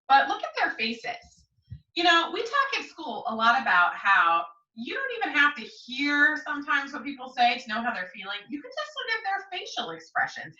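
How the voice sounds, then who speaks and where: A high-pitched American woman, a teacher, reads to her young pupils during a storytime at home, her voice sing-song and expressive as she asks the children questions along the way. The distant microphone produces roomy echo and a somewhat dull quality.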